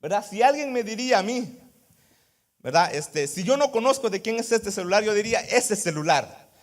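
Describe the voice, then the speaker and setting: A male pastor delivering a sermon in a high-pitched, very animated voice. He leans on rhetorical questions and tags his phrases with "right?" to hold the congregation. He swings between quiet asides and loud exclamations of praise. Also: a little fast. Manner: keeps adding "¿verdad?".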